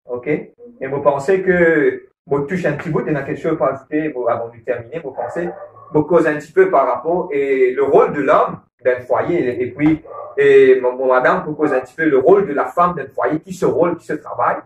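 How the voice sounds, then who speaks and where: A man's voice: fairly high pitch, a little fast, far from the mic. Earnest Mauritian man in an echoey room. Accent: Mauritian Creole. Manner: earnest, repeats phrases and often checks with "ok?". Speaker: married churchgoer speaking on a couples program. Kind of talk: casual church talk on marriage. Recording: roomy echo, voice from away from the mic.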